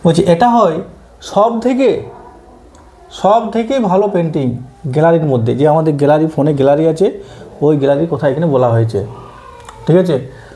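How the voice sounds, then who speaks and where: High, mellow-voiced male grammar teacher. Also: moderate pace, pauses often. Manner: explains step by step, often checks understanding. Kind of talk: exam-prep grammar lesson.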